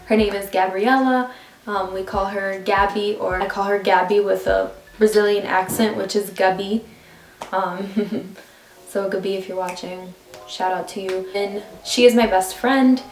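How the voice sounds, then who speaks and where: Her voice is mid-range, fairly even in intonation and a little slow as this NYC woman in her twenties rambles through a casual get-to-know-me vlog. She films on her phone at home, where the room echoes a bit and music plays faintly.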